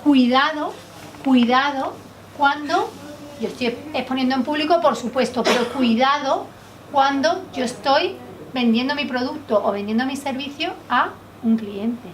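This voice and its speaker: A woman from Spain leading a public speaking workshop in a training room, lively and quizzing the group with questions. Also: high-pitched, a little slow. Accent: Spanish from Spain. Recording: distant mic, faint background noise.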